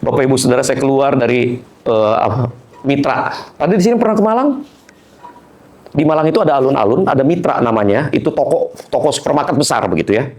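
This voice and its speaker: A man's voice: medium pitch, quick pace. A man preaching a sermon in a church, telling stories and acting out the people in them, often turning to address the congregation. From Indonesia. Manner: animated, acts out characters in dialogue, addresses congregation often. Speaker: pastor. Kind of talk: sermon with storytelling. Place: church hall.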